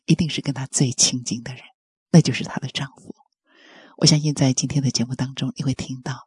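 Soft, very breathy host reading a reflective show intro. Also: medium pitch, no echo, studio quality. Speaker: radio program host. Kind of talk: scripted program introduction.

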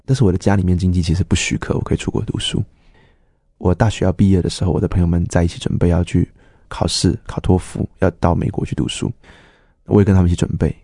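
Deep, husky man telling his story. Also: quick pace, dark tone, dry recording, studio quality. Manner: earnest, acts out quoted dialogue. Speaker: pastor. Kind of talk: personal testimony storytelling.

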